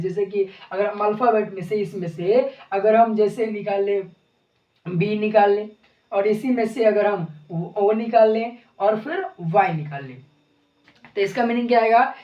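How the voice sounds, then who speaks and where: A woman teaches a beginners' lesson, asking a question and then answering it herself as she goes step by step. She sounds set back from the mic in a roomy, echoing space, and the recording is muffled and dull. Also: medium pitch. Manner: explains step by step, asks and answers her own questions. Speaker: English teacher. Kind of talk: classroom lesson explanation. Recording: echoey room, distant mic, dull sound.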